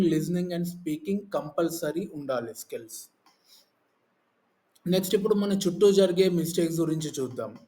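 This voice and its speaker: Male teacher, casual, slightly high voice, lists and everyday examples. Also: warm tone. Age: adult. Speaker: English teacher. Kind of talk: casual Telugu lesson.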